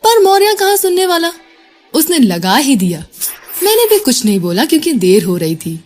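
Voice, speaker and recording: Woman reading a love story, lively up-and-down voice, fairly high. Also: moderate pace, faint music behind. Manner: expressive, storytelling. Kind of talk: scripted narration.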